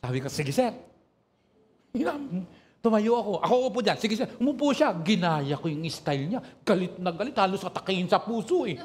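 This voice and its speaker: Animated Filipino pastor with lively pitch. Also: male voice, fairly quick. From northern Philippines. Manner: animated storytelling, calls for amen from the congregation. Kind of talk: sermon.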